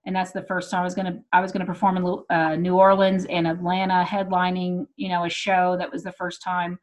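A woman's voice: fairly low pitch, completely flat delivery, brisk. A woman from Texas with an American accent, chatting casually and hesitantly as she thinks aloud. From Texas, United States. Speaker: comedian and comedy show producer. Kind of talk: casual chat.

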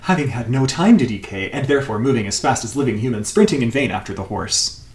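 A woman's voice: rumbling low, animated, fast, a little mellow, echoey room. A young woman making wry, laughing comments while taking turns reading a story.

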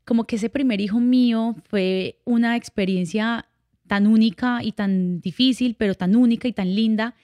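A young woman shares her life in a relaxed podcast conversation, candid and heartfelt. Her voice is mellow and warm, and the recording is dry and close with no room sound. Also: fairly high pitch, moderate pace, dry recording. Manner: candid and heartfelt, storytelling with quoted dialogue. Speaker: podcast guest. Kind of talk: casual conversational interview.

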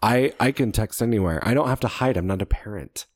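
A man's voice: fairly low pitch, brisk, no echo, clean studio sound. A man co-hosting a podcast in playful, joking casual chat. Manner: playful, joking, talks in bits and quotes. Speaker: podcast co-host.

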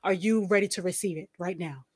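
A young woman co-hosting a casual chat, blunt, laughing often and mimicking soft coaxing voices. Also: on the low side, fairly quick, slightly rough. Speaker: podcast co-host.

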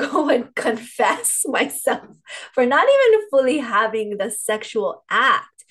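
Woman host, mid pitch, open and heartfelt, laughs a lot, lots of restarts. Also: fairly bright tone. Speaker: podcast host. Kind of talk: podcast conversation.

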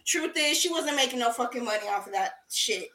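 A woman's voice: on the high side, lively intonation, a little fast, sharp tone, far from the mic. A woman co-hosting a casual podcast chat, swearing freely and laughing often as she tells a story. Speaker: podcast co-host. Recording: roomy echo.

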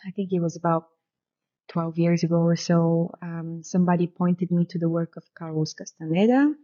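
A woman's voice: fairly low pitch, fairly even intonation, moderate pace, mellow. A woman in her thirties from Bulgaria, telling her story as a guest in a casual interview, reflective and full of "you know" fillers. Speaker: guest, shamanic guide. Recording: muffled lo-fi recording.

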